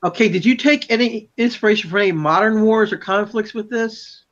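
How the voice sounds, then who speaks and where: A man's voice: high voice, a little fast, fairly bright tone, dull audio. A man co-hosting a stream, reading out viewer questions from the chat.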